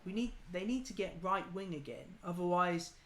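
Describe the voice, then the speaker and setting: A man's voice: sits high, moderate pace, a bit bright. Opinionated man ranting in an echoey room. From England. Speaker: political talk show host. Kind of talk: casual political debate. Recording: echoey room with faint noise.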